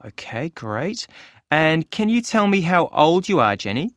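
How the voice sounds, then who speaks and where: A man's voice: a little high, big pitch swings, a little slow, a bit bright, no echo. A friendly male club clerk filling in a membership form, asking polite questions one after another. This is scripted exam listening audio, recorded dry and close. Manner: polite, asks form questions while typing.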